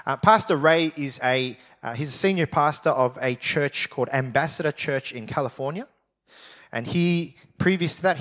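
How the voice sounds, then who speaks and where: A pastor giving a conversational sermon, telling a story with frequent rhetorical questions and "right?" check-ins. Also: male voice, medium pitch, a bit bright. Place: church.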